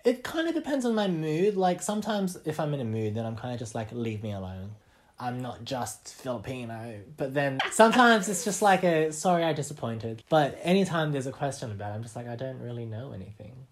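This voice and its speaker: A young Australian-accented man, an artist, speaks informally as the subject of a casual conversational interview. He's self-deprecating and often acts out bits of dialogue, in a medium-pitched, expressive and fairly quick voice.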